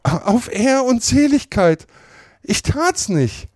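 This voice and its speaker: A man reading aloud and voicing a frightened accused vagabond who sobs in a high, wailing falsetto. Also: measured pace, darkish tone, husky, no echo, studio quality, exaggerated voice. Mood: sobbing despair.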